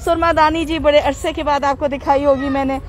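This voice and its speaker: A Pakistani woman hosts a casual live vlog from an open-air bazaar, chatting playfully with viewers, greeting them, haggling, and slipping into English phrases. Her voice is high, steady and fairly quick, a little muffled by her mask. She records on a handheld phone, with a busy market crowd audible behind her.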